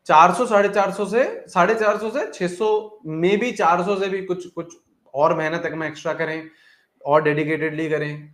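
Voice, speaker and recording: A man's voice: fairly high pitch, roomy sound. A male teacher closing an online exam-prep class with an encouraging talk, repeating his points and calling students "beta".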